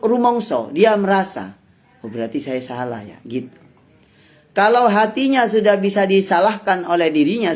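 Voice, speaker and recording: A Javanese-accented man, an Islamic preacher, giving a conversational study-circle sermon with loud bursts and soft asides. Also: high voice. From Indonesia.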